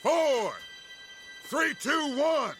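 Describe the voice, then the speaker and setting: An actor playing a middle-aged outlaw gang leader who speaks in a persuasive, theatrical, deliberate way. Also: male voice, extremely high pitch, lively intonation, faint music behind, heavily acted. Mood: threatening. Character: smooth commanding male outlaw gang leader. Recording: game cutscene with loud wind and hooves.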